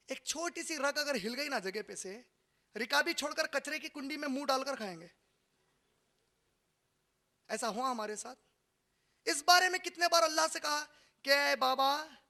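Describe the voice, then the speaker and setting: A man giving an impassioned religious lecture in a hall, moving from quiet asides to loud cries and putting rhetorical questions to his audience. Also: very high-pitched, vocal fry. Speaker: preacher.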